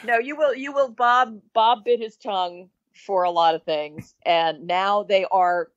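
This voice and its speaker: A woman's voice: medium pitch, a little slow, no room sound, lo-fi sound. A woman guest on a podcast, chatting casually and laughing as she shares stories. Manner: lively, laughs often, chimes in. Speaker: guest, radio co-host. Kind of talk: casual chat.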